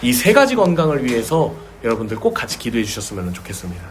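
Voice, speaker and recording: A man's voice: medium pitch, wildly swooping pitch, quick pace, background noise. A male pastor preaching a sermon, stressing his points and repeating key words for emphasis.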